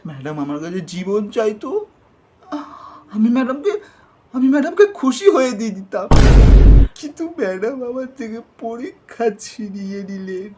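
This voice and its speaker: A woman voicing an excitable, cheeky young student in a cartoon comedy skit, with theatrical, whining repetition. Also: on the high side, moderate pace, background noise, natural voice. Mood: melodramatic, aggrieved.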